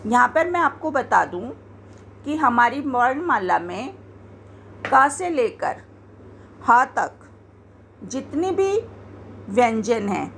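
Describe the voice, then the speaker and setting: Woman, Hindi teacher, slow patient delivery, gravelly higher voice, faint hiss behind. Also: big pitch swings, fairly bright tone. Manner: slow, patient, repeats words to show pronunciation. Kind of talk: explaining grammar to learners.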